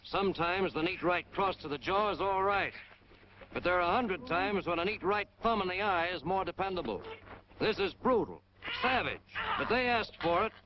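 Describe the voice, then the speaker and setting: Narrating a 1940s military training film, an American man delivers his lines with hard-boiled, emphatic punch. He sounds high-pitched and expressive at a moderate pace, over a dull, noisy period soundtrack.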